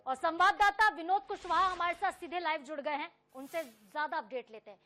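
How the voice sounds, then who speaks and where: A female news anchor with a high, bright voice reads the day's stories in a brisk, formal manner. She puts pointed questions to a reporter on a live link. Faint music plays under her in the studio.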